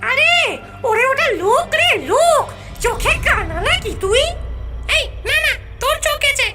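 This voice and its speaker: A woman's voice: extremely high pitch, lively intonation, unhurried, sharp tone, soft background music, full character voice. A woman voicing a pair of silly ghost henchmen in a cartoon, bickering and correcting each other. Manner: bickering, constantly correcting themselves. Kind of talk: cartoon voice acting.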